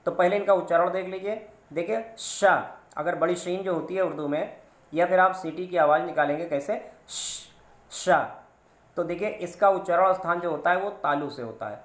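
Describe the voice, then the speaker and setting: A man teaching a grammar lesson, explaining slowly and repeating sounds and terms with stress. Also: high voice. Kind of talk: classroom-style grammar lesson. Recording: echoey room.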